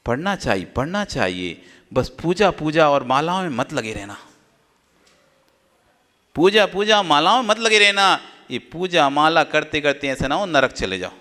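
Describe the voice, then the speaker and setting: A man giving a Jain sermon, repeating phrases and swinging from loud exhortation to hushed low asides. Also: sing-song, measured pace. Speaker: Jain monk preacher. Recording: long reverb of a hall.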